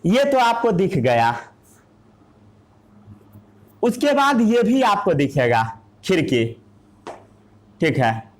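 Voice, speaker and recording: A man's voice: high voice, sing-song, slow pace, long pauses. A male teacher giving a classroom science lesson. He asks rhetorical questions, answers them himself, and mixes English terms into his Hindi.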